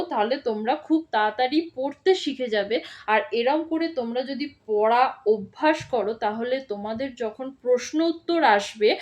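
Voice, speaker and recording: A woman's voice: high-pitched, darkish tone, highs cut off. A woman teacher giving a children's reading lesson, patiently spelling words out syllable by syllable. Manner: slow syllable-by-syllable spelling drills, instructive and patient.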